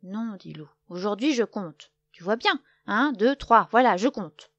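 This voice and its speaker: A woman voicing a grumpy young male wolf who gets vexed and shouts, in a children's storybook reading. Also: mid-range voice, lively intonation, measured pace, dry recording, lo-fi sound. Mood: pleading. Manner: huffy, easily vexed, shouting when mocked.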